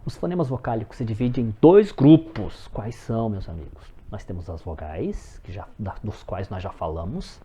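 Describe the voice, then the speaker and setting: A man's voice: fairly low pitch, animated, normal speed, hardly any pauses, warm tone, breathy edge. A man from Brazil teaching a recorded phonetics lesson, explaining step by step and calling his viewers friends as he stresses example words.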